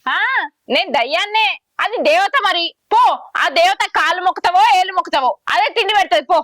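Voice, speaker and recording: A woman playing a fiery, sharp-tongued village wife. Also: extremely high pitch, brisk, no room sound. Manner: combative, sarcastic. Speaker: actor in a village comedy short.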